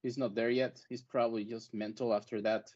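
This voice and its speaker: A man with a medium-pitched voice chats casually as a guest on a sports podcast. The recording is slightly dull and lo-fi. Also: flat delivery, a little fast, darkish tone.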